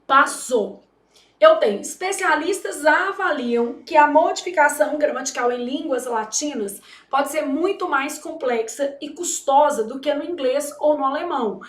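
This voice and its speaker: Chatty high-voiced woman teaching grammar. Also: fairly bright tone, reverberant. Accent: Brazilian Portuguese. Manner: chatty, jokey, addresses students as "gente". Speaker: Portuguese teacher for exam prep. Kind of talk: lively classroom lesson.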